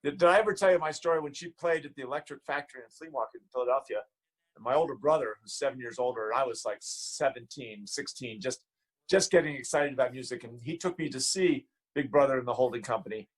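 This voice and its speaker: A man in a casual interview, telling a lively personal anecdote. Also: medium pitch, fast, husky, low-quality recording. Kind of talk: casual chat.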